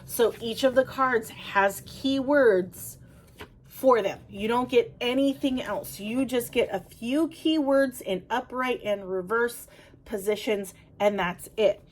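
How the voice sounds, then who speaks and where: A woman's voice: on the high side, slow pace. A woman reviewing a tarot deck in a casual, chatty way, talking straight to her viewers and correcting herself as she goes. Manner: chatty, self-correcting, talks to viewers directly. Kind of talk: casual review and flip-through.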